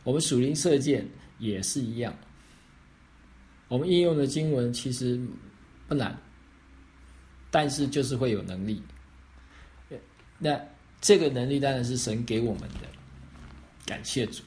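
A man's voice: medium pitch, measured pace, pauses often, darkish tone. A man pastor answering questions on faith, explaining step by step and often checking that he is understood.

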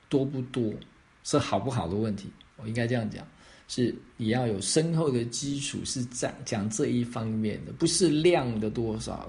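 A man's voice: medium pitch, a little mellow. A man pastor answering questions on faith, explaining step by step and often checking that he is understood.

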